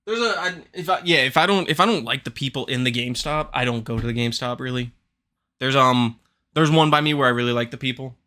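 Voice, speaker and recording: A man's voice: mid-range voice, fast talker, bright, forceful tone. Easygoing man chiming in on a podcast. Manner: easygoing, chiming in with short replies. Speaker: podcast co-host. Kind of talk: casual chat.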